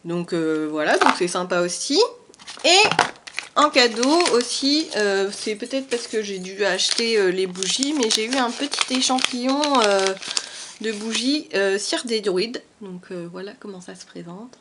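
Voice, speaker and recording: A woman's voice: mid-range voice, animated, measured pace. A young woman with a French accent chatting casually through a haul video at home, hesitant and full of fillers, recorded on a camera mic. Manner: hesitant, many fillers and repetitions. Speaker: beauty vlogger. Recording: faint background noise.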